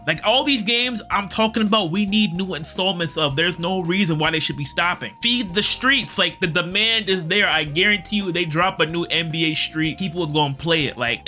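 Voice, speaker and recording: A young man hosts a casual gaming vlog and rambles in slang about games he misses. His voice is bright and forceful and sits a bit high. Faint music plays behind him. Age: young adult. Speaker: gaming YouTuber.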